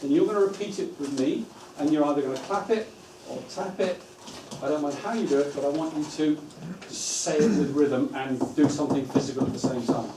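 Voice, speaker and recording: A man training teaching assistants in a school room. He gives steady instructions and stretches words out syllable by syllable. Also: a little high, a little fast. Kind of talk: training workshop talk. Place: school room with a live audience. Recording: echoey room from far off, noisy.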